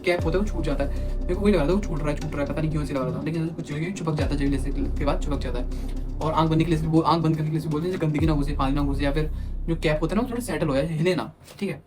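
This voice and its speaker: A young man tells a personal story at a quick, tumbling pace, his voice sitting a little high. He is animated and acts out what others said to him. Music plays clearly underneath. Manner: animated, quotes others in acted asides. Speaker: vlogger. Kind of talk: casual storytelling.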